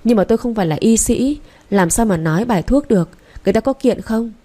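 A woman's voice: a little high, lively intonation, fast talker, mellow, voice pushed up. Woman reading as a shy, unsure young woman. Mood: hesitant. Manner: hesitant, self-doubting.

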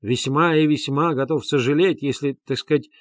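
A man reading an audiobook plays a pompous, fawning gentleman who talks in stiff, obsequious phrases. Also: a little high, moderate pace, no echo, studio quality, close to an everyday voice. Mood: condescending. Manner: obsequious, sprinkling polite "-s" suffixes.

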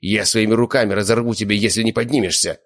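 Man playing a fat raging dog owner, shouting, spitting insults, loud. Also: on the low side, steady tone, fast talker, pitched above the performer's own voice. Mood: furious.

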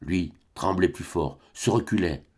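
A man reading a classic novel aloud as an audiobook, in an expressive, theatrical way. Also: deep voice, unhurried, husky. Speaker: audiobook reader.

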